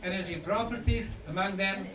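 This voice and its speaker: A high-pitched Bosnian man, a native Bosnian speaker, lectures at a conference in short, deliberate phrases, using dramatic pauses and rhetorical questions. He is a lecturer and researcher, recorded on a distant mic in an echoey indoor lecture room with faint noise and crowd sounds.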